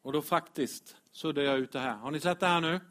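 A man preaching a lively, direct sermon as pastor to his congregation. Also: on the high side. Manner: animated, direct, addresses congregation, chuckles.

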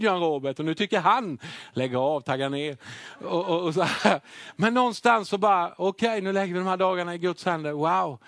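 A middle-aged man preaching, telling a personal testimony with animated, self-mocking storytelling. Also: high-pitched, dry recording. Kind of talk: sermon testimony.

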